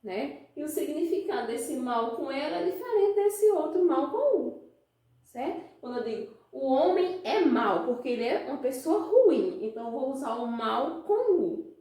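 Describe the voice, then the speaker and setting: A Brazilian woman teaching a class, explaining slowly and checking in with her students with frequent questions. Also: high voice, very animated, warm tone. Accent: Brazilian Portuguese. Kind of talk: classroom lesson. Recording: very echoey room, voice from a distance.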